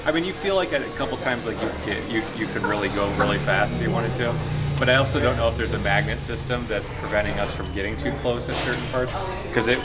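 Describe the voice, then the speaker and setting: A man's voice: medium pitch, fast talker, over loud music. A man hosting a casual outdoor vlog, explaining things in an informal, easygoing way. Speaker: vlog host. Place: outdoors at a busy attraction.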